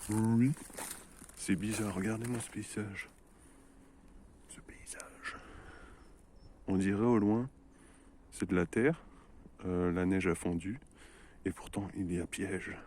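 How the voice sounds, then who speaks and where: A man's voice: sits low, fairly even intonation, a little slow, pauses often, darkish tone. A man vlogging outdoors in a snowy forest, joking with viewers in a mock-formal explorer manner. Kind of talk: playful mock-explorer commentary. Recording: noisy outdoor recording.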